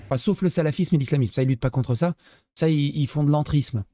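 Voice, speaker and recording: A man's voice: on the high side, fast, dark tone. A man streaming live, reacting to clips with sarcastic, mocking asides and reading chat messages aloud. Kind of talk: casual live-stream commentary.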